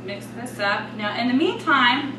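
Standing at the stove in a home-style indoor kitchen, an American cooking show host and chef talks viewers through a casual demonstration, chatty and instructive. Her voice is on the high side and expressive, her pace a little slow. The distant mic gives a roomy sound, with loud kitchen noise from a sizzling pan, clattering pots and stirring.

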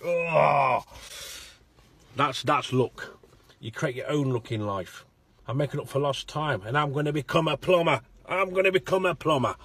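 A man's voice: fairly high pitch, moderate pace, background noise. A middle-aged man vlogging from inside a car on a phone held at arm's length, stammering and repeating words as he talks. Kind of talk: casual selfie vlog.

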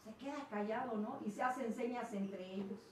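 A Mexican woman giving a blunt, crude personal testimony as a rehab sponsor, swearing often and rising to loud self-reproach. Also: fairly high pitch, moderate pace. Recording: echoey room, mic far off, faint noise.

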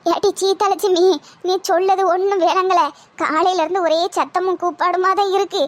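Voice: extremely high pitch, level tone, moderate pace. A voice actor playing an older village woman, coaxing and motherly. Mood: soothing. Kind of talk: cartoon voice acting.

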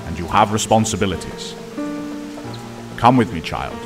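A man playing a wise, grave older professor in an audio drama, with a measured, formal, persuasive delivery. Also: on the low side, lively intonation. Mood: earnest, persuasive. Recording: loud music and rain behind.

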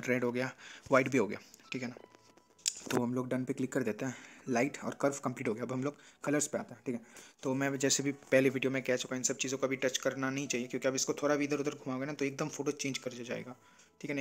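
A man giving a casual step-by-step photo editing tutorial, often pausing to check in with the viewer. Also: mid-range voice. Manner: explains step by step, often checks in with "theek hai na". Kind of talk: casual screen-recorded tutorial.

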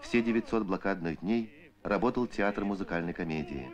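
Deep-voiced male old-newsreel narrator. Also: muffled recording. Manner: measured, declamatory documentary delivery. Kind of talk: old Soviet newsreel narration, scripted and solemn. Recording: archival film soundtrack with music. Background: music.

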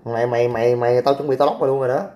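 Brash livestreamer, dark voice. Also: male voice, mid-range voice, little pitch movement, rapid-fire. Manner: brash, crude, blocks commenters. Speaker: livestream host. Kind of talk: casual livestream chat reading comments.

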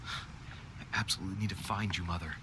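A man's voice: low-pitched, steady tone, brisk, close to an everyday voice. An actor playing a young male investigator in a game, earnest and slightly anxious. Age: young adult. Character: young male investigator Louis, nervous yet clever. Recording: noisy game audio.

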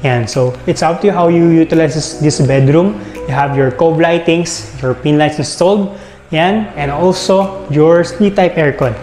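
This house tour comes from a Filipino-accented man from the Philippines with a voice on the high side and a moderate pace. As a real estate guide, he walks the large empty home and casually lists what it offers, dropping frequent "yan" and "no" tags. Soft background music plays through the echoing rooms.

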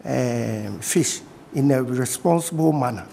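A middle-aged man with a Ghanaian accent, a guest from the fishing industry in a TV studio interview, speaking in a measured way and repeating his key points. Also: medium pitch, vocal fry, dark tone, in a large hall, a little hiss or hum.

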